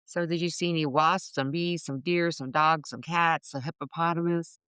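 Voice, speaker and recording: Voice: mid-range voice, fairly even intonation, moderate pace, bright, forceful tone, clear, resonant tone, no echo, studio quality. A podcast host interviewing a guest in a playful, teasing way. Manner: playful, teasing, laughs often. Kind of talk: casual interview chat.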